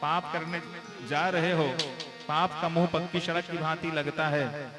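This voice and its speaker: Lord Krishna, voiced by a man pleading gently. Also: a little high, little pitch movement, a little slow, over music, pitched above the performer's own voice, close to an everyday voice. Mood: warning. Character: Lord Krishna warning the cowherd boys, calm and firm.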